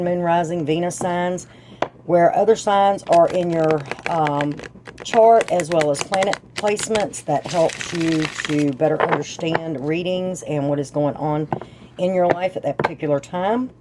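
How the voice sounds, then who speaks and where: A woman who hosts a channel gives a tarot reading, chatting casually and folksily to viewers. Her low voice, at a measured pace, sounds congested and slightly off from a sore throat and sinus drainage, breaking up here and there. There's background noise.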